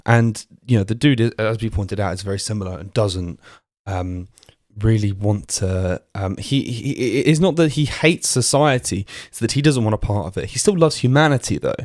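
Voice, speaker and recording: A man's voice: fairly low pitch, darkish tone, no echo, studio quality. Rambling man talking films. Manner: rambling, filler-heavy, halting. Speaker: podcast co-host. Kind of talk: casual film discussion.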